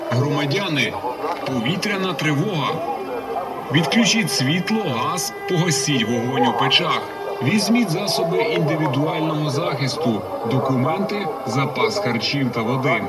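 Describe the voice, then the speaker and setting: A man reading an official air-raid warning in a formal, measured, commanding way, heard over a radio broadcast. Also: on the high side. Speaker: civil defense announcer. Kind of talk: official emergency announcement. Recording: distant radio playback, loud sirens behind. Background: city air-raid sirens.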